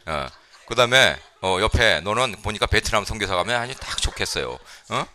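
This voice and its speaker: Lively, bright-voiced man preaching a sermon. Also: lowish voice, a little fast, a little hiss or hum. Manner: lively, playful, mixes in English phrases, frequent "예?" prompts to the congregation. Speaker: missionary preacher. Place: church sanctuary.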